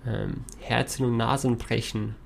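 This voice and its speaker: A man's voice: medium pitch, little pitch movement, a little slow, vocal fry, a little hiss or hum. Hesitant man in casual chat. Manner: hesitant, stammering starts. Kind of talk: casual conversation.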